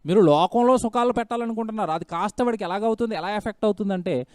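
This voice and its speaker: Man preaching, high-pitched, smooth resonant voice, dry close sound, emphatic, repeats phrases, rhetorical questions. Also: fast talker, darkish tone, no room sound. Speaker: pastor. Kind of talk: sermon.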